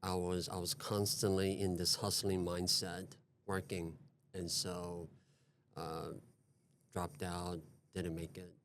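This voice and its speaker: A man in his forties with a notably low voice, from Taiwan, talking as a guest on a podcast. He speaks haltingly, restarting and repeating phrases as he searches for the details. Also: flat delivery, a little hiss or hum. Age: 40s. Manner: hesitant, halting, repeats himself. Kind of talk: podcast interview.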